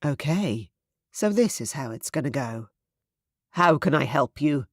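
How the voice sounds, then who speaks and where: A synthetic-sounding narrator voicing a tired, formal king in a stiff, even manner. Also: medium pitch, unhurried, dry recording, clean studio sound. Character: weary, formal young king.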